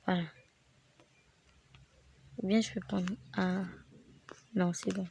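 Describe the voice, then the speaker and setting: Gravelly-voiced woman with the flu. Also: mid-range voice, level tone, takes it slowly, darkish tone, a little hiss or hum. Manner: chatty, rambling, addresses viewers directly. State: sick with the flu, voice affected. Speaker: gaming channel host. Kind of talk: casual game tutorial narration.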